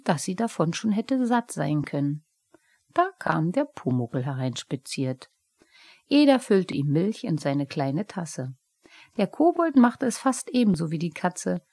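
A woman reading a children's story aloud with a lively, expressive delivery. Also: lowish voice, creaky, slightly rough, dry recording, studio quality. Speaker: narrator. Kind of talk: storybook narration.

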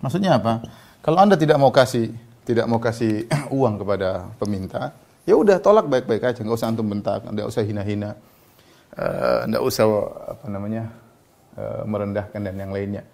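A man preaching a sermon, slowly chanting Arabic verses and then explaining them in a loose, everyday way with fillers. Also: fairly low pitch, lively intonation, gravelly, darkish tone. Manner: loose speech with fillers and colloquial asides. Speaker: Islamic preacher. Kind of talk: sermon with Quranic recitation.

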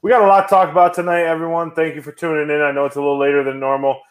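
Young male co-host with a somewhat high voice, casual and excitable, breaks into shouts. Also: very fast. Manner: excitable, laughs often, bursts into shouts. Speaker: podcast co-host. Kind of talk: casual sports talk.

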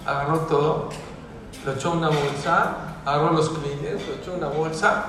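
In an echoey hall, heard from a distance over background noise, a man with a Mexican accent preaches to young people at a normal pace in a slightly high voice. He tells stories animatedly, imitating the people in them, and builds up to loud, emphatic exhortation.

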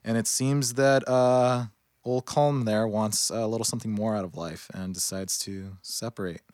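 A man's voice: fairly low pitch, fairly even intonation, normal speed, a little mellow, no echo, studio quality. A man co-hosting a podcast, discussing films casually with tongue-in-cheek banter. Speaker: podcast co-host.

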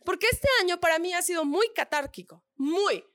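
A woman from northern Mexico with a northern Mexican accent, giving an expressive motivational talk and speaking straight to her audience. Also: very high-pitched, moderate pace, dry recording. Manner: expressive, acts out inner voices with shifts of tone; addresses audience directly with frequent asides.

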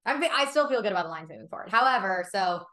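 A woman co-hosting a casual sports betting podcast. She talks with emphatic energy and laughs often, at an ordinary middle pitch. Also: animated, quick pace, pushed and bright. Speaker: podcast co-host.

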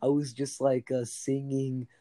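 A man's voice: medium pitch, little pitch movement, measured pace, warm tone, dry recording. A young man in casual podcast banter, teasing and often repeating himself as he talks. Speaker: podcast co-host.

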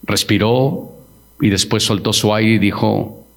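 A middle-aged man, a pastor giving a solemn testimony in a church, slowing down to quote words with emotion. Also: lowish voice. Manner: slow, solemn, quoting Jesus with emotion. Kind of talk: testimony sermon.

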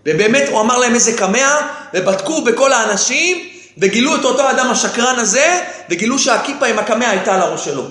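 A man's voice: very high voice, expressive, sharp tone, roomy sound. A man giving a sermon as a rabbi who keeps asking rhetorical questions and answering them himself, with key phrases repeated for emphasis. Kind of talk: sermon with storytelling.

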